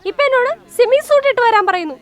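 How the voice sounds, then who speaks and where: A woman's voice: very high voice, animated, racing. A woman playing a proud young actress who speaks in a prim, indignant way in a dubbed film.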